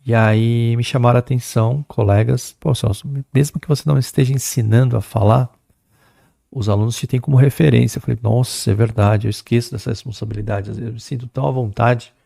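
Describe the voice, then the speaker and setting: A middle-aged Brazilian man runs a chatty exam-prep English lesson, slowing down whenever he reads English text aloud. His voice is mellow and gravelly with a lot of fry. The recording is close and dry. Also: medium pitch, dry recording. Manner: lively, chatty, talks to students, reads English aloud slowly. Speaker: English teacher.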